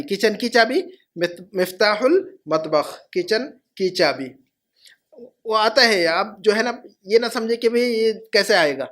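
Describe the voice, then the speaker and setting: High-pitched middle-aged guy teaching a class, slow and patient, says stuff twice. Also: fairly bright tone. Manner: patient, repeats each phrase slowly. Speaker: Arabic teacher. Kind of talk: classroom lesson.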